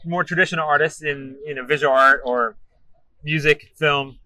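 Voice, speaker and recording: A man's voice: a little high, fairly even intonation, moderate pace, bright, forceful tone, no echo. An American man hosting a casual podcast interview, asking questions and musing aloud, recorded a little away from the microphone. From United States. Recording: voice far from the mic.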